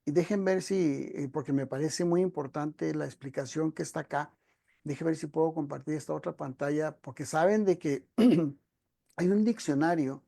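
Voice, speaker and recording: A man preaching a teaching sermon into a computer microphone while sharing his screen. His voice is gravelly and mellow. He explains the text patiently and keeps turning to his listeners as brothers and sisters. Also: on the high side, normal speed.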